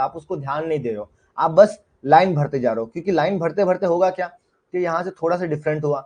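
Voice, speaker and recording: A man's voice: on the high side, a little mellow. Chatty Indian man teaching a class. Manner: chatty, repeats "ठीक है" often, mixes English words. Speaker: shorthand teacher. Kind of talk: live online class.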